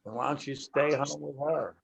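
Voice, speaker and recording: An actor playing a gruff, domineering gambler who barks curt orders in a stage play. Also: male voice, mid-range voice, moderate pace. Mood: impatient. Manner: curt, barking orders at the card table. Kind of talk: stage play acting over a remote reading. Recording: noisy home recording.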